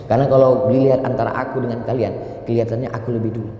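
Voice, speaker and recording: Preacher in a reverberant hall. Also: male voice, rapid-fire, muffled recording, slight background noise. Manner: animated storyteller, jumps to high voice for quotes. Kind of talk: sermon. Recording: reverberant hall with faint ambience.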